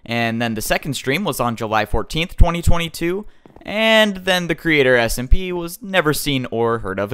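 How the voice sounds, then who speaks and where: Youtuber guy chatting casually, kinda defensive and jokey, clean smooth voice. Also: mid-range voice, fairly bright tone. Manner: joking, mock-defensive, chatty. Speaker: YouTuber host. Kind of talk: casual vlog storytelling.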